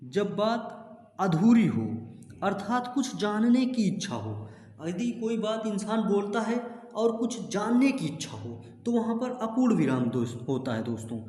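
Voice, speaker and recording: Male exam-prep teacher, high pitch, quizzes viewers by repeating each point back, echoey room with a long tail. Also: sing-song, measured pace, a little mellow. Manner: repeats each point as a question, calls the audience friends. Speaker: Hindi teacher.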